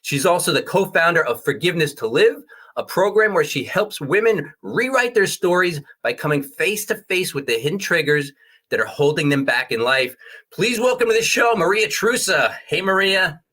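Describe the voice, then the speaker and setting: A man co-hosting a talk show, upbeat and building excitement as he introduces a guest. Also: on the high side, moderate pace. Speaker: co-host.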